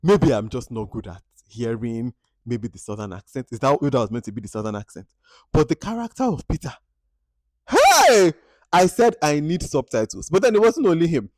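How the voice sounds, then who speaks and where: Fast-talking man reviewing a film. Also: no echo. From Nigeria. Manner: animated, expressive, swings between loud outbursts and low asides. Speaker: movie reviewer. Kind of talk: casual movie review vlog. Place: at home.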